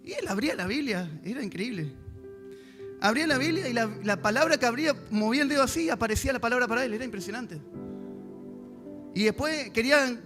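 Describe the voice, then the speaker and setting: A man's voice: extremely high pitch, fairly bright tone. A male pastor, preaching a sermon to a congregation and acting out prayers and God's replies. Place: church service. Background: music.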